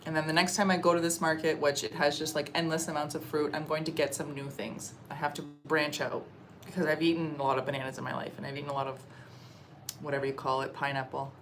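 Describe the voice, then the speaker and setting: A young woman from Canada chatting casually on a livestream while eating, answering comments in a relaxed, chatty way with little murmurs of enjoyment. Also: sits low, fast, slight background noise, poor audio. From Canada (Ontario). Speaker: livestream vlogger. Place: outdoors or open space in a warm country.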